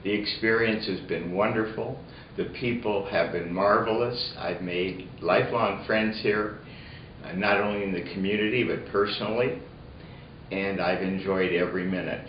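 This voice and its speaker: A man's voice: low voice, steady tone, normal speed, a little hiss or hum. An older man with a theater background, a volunteer usher, speaking appreciatively. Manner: friendly, appreciative. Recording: echoey, dull lo-fi recording.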